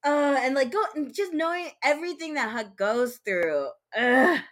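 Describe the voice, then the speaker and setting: A woman's voice: sits high, animated, normal speed. A woman from Georgia co-hosting a podcast, chatting casually and animatedly about TV shows and books, often laughing. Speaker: podcast co-host. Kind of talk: casual chat.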